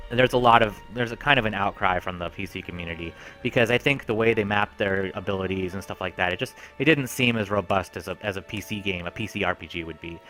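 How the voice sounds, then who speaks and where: A man's voice: fairly low pitch, pushed and bright. A man giving casual, enthusiastic gameplay commentary as a game reviewer. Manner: chatty and enthusiastic.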